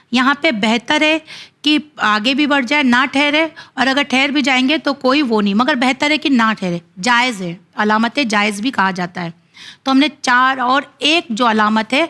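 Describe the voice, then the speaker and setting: A woman teaching children the rules of Quran recitation, explaining step by step with slow, drawn-out example readings. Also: a little high, fairly bright tone.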